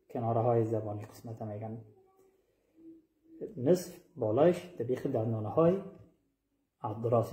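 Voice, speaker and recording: A man teaching Quran pronunciation, explaining slowly and repeating each sound with drawn-out syllables. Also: mid-range voice, mellow, reverberant. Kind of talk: tajweed pronunciation lesson.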